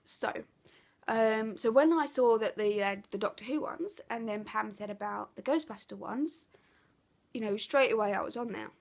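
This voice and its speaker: A woman from England with an Essex accent and a blocked, stuffy nose chats casually to camera as a craft vlogger. Her voice is on the high side and creaky, at normal speed, and she rambles with plenty of ums and self-corrections.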